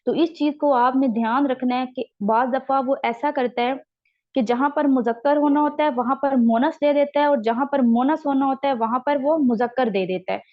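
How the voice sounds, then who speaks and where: A woman teaching a recorded exam-prep lecture, explaining slowly and checking in with her students after each point. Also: sits high. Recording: dull lo-fi sound.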